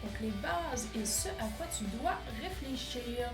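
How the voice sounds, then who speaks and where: A woman's voice: fairly high pitch, expressive, measured pace, loud music behind the voice. A woman giving an explanatory lesson as a teacher, speaking directly to the listener and stressing key words. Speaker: teacher presenting an instructional video. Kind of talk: explanatory lesson addressed to students.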